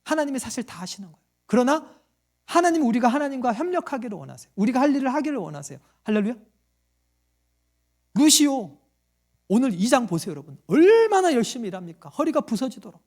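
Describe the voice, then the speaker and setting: Very high and darkish in tone, this man's voice swings widely in pitch and moves fast. He is a pastor giving a sermon, quizzing the congregation and performing the voices within his stories.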